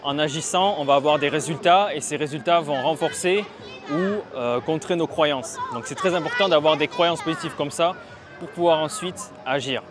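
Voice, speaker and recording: A man's voice: fairly high pitch, normal speed, a crowd in the background. A man talking casually and bluntly to camera outdoors on a city street, teaching Mandarin learners, with some swearing. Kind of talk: casual vlog talk to camera. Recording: street traffic noise behind.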